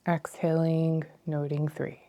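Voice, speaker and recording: A woman guiding a meditation with slow breath counting, speaking in measured phrases with pauses between them. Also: low voice, little pitch movement, dark tone. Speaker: meditation guide.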